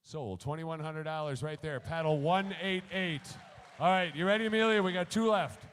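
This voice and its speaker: Fast-talking male auctioneer in a hall. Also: a little high, a bit bright, slight background noise. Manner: rapid-fire bid calling, joking with bidders. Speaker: charity auctioneer. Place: large hall at a school gala. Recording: long hall reverb.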